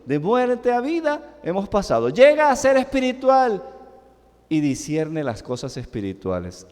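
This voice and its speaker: A man's voice: fairly high pitch, a little mellow. A middle-aged man with a Venezuelan accent preaching a sermon in a church, emphatic and full of rhetorical questions. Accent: Venezuelan Spanish. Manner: emphatic, rising and falling sharply, with rhetorical questions. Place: church sanctuary. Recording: echoing church hall.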